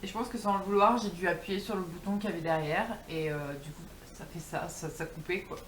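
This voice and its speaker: A woman's voice: fairly low pitch, fairly quick. A young woman chatting casually and informally to her viewers, as a vlogger recording at home. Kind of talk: casual chat to camera. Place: indoors at home. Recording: roomy home echo, faint background noise.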